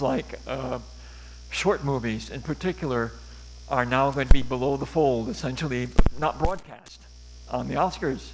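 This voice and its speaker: A man's voice: mid-range voice, in a large hall, slight background noise, rough recording. Man on a breaking-up call. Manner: hesitant, many filler pauses. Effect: call connection breaking up and dropping out. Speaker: caller asking a film critic questions. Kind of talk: casual question from a participant.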